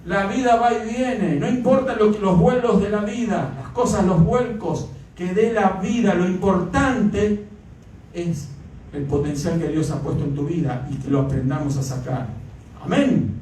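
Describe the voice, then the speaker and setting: Emphatic high-voiced preacher in echoey hall. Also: male voice, unhurried, a little mellow, a little hiss or hum. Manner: emphatic preaching with repeated amens. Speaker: pastor. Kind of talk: sermon. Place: church. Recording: echoey church hall, mic far off.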